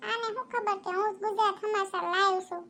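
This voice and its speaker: Woman doing squeaky gossip-queen cartoon auntie, kathiawadi accent, talks big and fast. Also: fairly even intonation. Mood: chatty. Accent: Kathiawadi Gujarati. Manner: chatty, boastful, quick-tongued. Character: gossipy village housewife who lends money.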